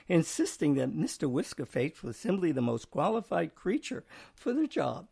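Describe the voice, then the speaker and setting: Gravelly man reading word definitions. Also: on the high side, very animated, darkish tone. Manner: playful, chuckling, reads aloud slowly at times. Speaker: host.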